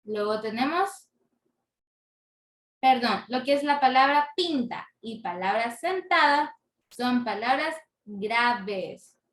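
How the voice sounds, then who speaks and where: A woman teaching a slow classroom lesson, patiently repeating words and syllables aloud. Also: on the high side, lively intonation, fairly bright tone. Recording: echoey room.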